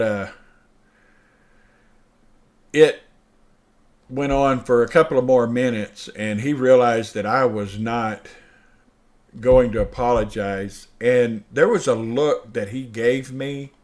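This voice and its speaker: An older man hosting his own show, telling a personal story in an animated way, acting out the dialogue and laughing mid-sentence. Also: mid-range voice, slow, long pauses. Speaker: show host.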